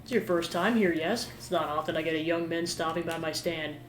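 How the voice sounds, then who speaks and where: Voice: mid-range voice, brisk, lightly acted. A game player voicing a polite, mysterious young fortune teller. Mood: welcoming, polite. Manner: soothsaying, formal fortune-teller patter. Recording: roomy echo with game music behind.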